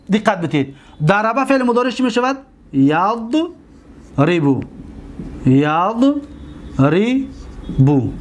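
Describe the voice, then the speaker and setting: A male teacher with a Tajik accent, speaking in a fairly high voice. He drills word forms one by one in a steady lecture and poses questions to his class before answering them himself. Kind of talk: classroom lecture, explaining grammar.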